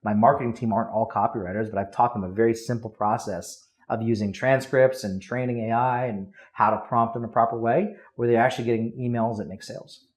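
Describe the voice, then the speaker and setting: A man speaking as a guest on a podcast, a copywriter explaining his methods in casual, high-energy interview talk. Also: steady tone, a little fast, few pauses.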